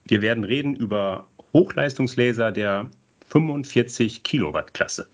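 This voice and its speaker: Reading from a script to open his podcast, a man with a medium-pitched voice and moderate pace questions his guests and plays with words along the way.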